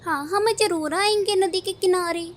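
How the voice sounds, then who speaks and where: A woman's voice: extremely high pitch, measured pace. A woman voicing a nagging cartoon crow wife. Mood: friendly. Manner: scolding, complaining.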